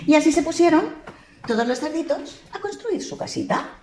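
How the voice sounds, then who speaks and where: A woman telling a children's story playfully, pausing to ask the child questions. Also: high-pitched, animated, dark tone, reverberant, a little hiss or hum.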